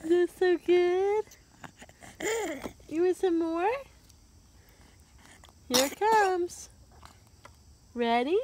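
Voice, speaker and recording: A woman in baby talk, coaxing her infant to eat in a soft sing-song way at home. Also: extremely high pitch, animated, very slow, pauses often, a little hiss or hum. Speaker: mother feeding her baby.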